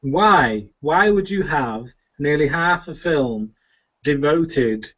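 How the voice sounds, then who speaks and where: A man's voice: fairly high pitch, lively intonation, slow, fairly bright tone, dull audio. A man in a casual movie commentary, blunt and opinionated. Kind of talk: casual group chat.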